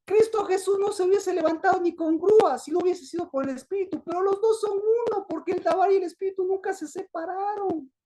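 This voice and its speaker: A woman's voice: extremely high pitch, fairly quick, hardly any pauses, dark tone. A woman preaching a sermon, asking her listeners questions and answering them herself, repeating herself for emphasis. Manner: repetitive, emphatic.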